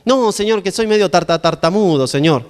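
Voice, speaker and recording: A man's voice: sits high, lively intonation, brisk, clear, resonant tone, in a large hall. A man with an Argentine Spanish accent voicing an eighty-year-old Moses, pleading and hesitant, stumbling over words.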